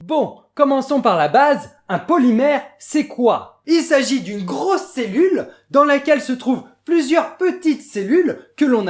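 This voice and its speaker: Une voix qui interprète un robot de laboratoire joyeux et pétillant, qui présente avec entrain un jeu scientifique aux humains. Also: high voice. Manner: bubbly, exclamatory, quick. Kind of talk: scripted toy demonstration.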